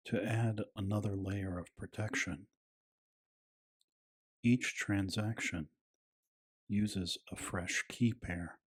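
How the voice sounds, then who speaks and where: Low, slow, hushed man, breathy ASMR narration. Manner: hushed, soothing, unhurried. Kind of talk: soft-spoken ASMR bedtime narration of a scripted text.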